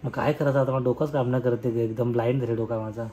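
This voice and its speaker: A man's voice: mid-range voice, fairly even intonation, very fast, dark tone. Pleading young man on a prank phone call. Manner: pleading, persistent, teasing. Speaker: prank caller, video host.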